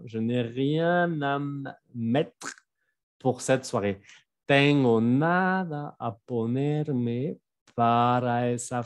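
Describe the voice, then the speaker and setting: Slow-spoken man teaching. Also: mid-range voice. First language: French. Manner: slow, careful enunciation of each example, relaxed and chatty explanations. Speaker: French teacher. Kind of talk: language lesson, conjugating verbs and explaining example sentences. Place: home office.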